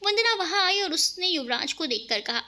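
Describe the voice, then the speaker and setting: A woman narrating a romantic family story and voicing every character herself. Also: normal speed. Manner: lively, shifts pitch for each character.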